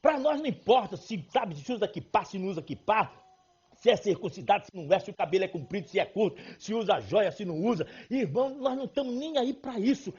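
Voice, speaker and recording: Brazilian pastor guy preaching, high husky voice, jumps all over the place, dull lo-fi church tape. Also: fast talker. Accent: Brazilian Portuguese. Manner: animated preaching with acted-out dialogue and sudden loud exclamations. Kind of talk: sermon.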